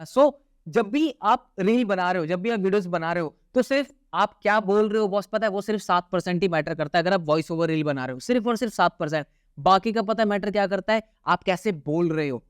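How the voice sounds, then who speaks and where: Emphatic, high-voiced male course instructor. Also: brisk, clear, resonant tone, no echo, studio quality. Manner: emphatic, keeps asking "theek hai?" to check in; talks in rhetorical questions, then answers them. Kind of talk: recorded course lesson.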